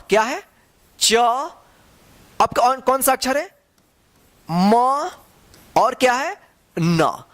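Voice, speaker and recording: A man with an extremely high, fairly bright voice explains the Hindi alphabet slowly, as in a classroom, with no echo in the audio. Repetitive in style, he asks question after question and says each sound over to demonstrate it.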